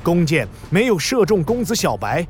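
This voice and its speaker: Expressive man telling a children's story. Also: sits high, normal speed, faint music behind. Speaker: narrator.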